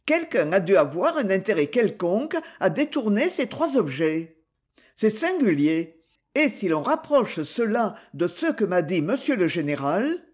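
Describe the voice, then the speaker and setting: A reader voicing a candid, probing young woman who speaks softly and earnestly in an audiobook. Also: mid-range voice, sing-song, measured pace. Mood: questioning.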